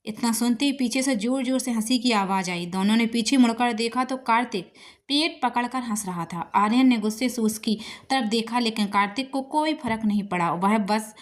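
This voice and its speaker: A woman narrates a romance story aloud in a steady, expressive reading. Her voice sits fairly high and even, paced for listeners following along. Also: normal speed.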